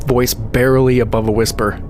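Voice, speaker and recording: A man reading a scripted horror story in a measured, suspenseful storytelling manner. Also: medium pitch, little pitch movement, darkish tone, slight background noise. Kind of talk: scripted scary story narration. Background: music under the voice.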